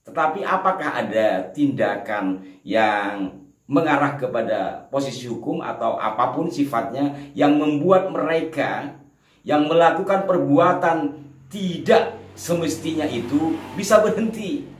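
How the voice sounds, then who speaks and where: A man's voice: fairly high pitch, reverberant, far from the mic. A man hosting a channel, giving an earnest commentary monologue to his audience. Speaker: channel host.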